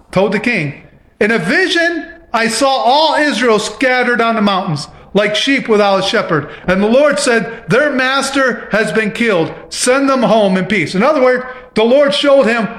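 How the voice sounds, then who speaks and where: A man's voice: high voice, a bit bright, roomy sound. A man preaching a sermon who reads scripture aloud and stops to explain it in his own words.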